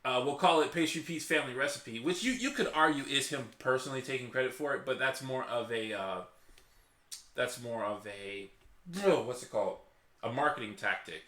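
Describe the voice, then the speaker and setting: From a hot room indoors, the host of his own channel works through ideas out loud in a casual, passionate way, frequently restarting his sentences. He explains that he's intentionally keeping his normally loud voice low, speaking at a moderate pace as the room echoes.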